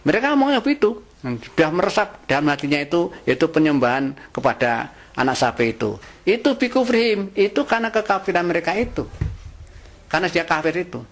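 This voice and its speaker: A man teaching a Quran lesson, reciting Arabic verses and explaining them in lively everyday speech with rhetorical questions. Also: on the high side.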